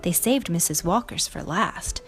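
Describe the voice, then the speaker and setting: A woman with a fairly low voice hosts a read-aloud, reading a storybook to young children at a measured pace. She tells the story with emphatic expression.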